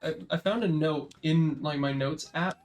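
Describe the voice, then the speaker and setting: A man's voice: a little high, normal speed, faint music behind. A man chatting casually on a podcast, rambling and reading out a long list. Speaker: podcast co-host. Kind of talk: casual chat.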